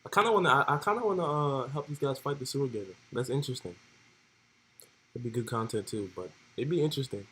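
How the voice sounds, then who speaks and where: A man's voice: mid-range voice, lively intonation, fast talker, pushed and bright, husky, low-quality recording. A young man streaming, laid-back and joking as he reads role-play text aloud in casual commentary.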